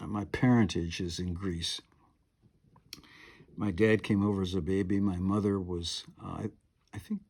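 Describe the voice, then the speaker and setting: This piano and harp player in his seventies delivers a wandering, chatty monologue to camera from home, full of fillers and asides. His voice sits low and sounds gravelly, with a breathy edge.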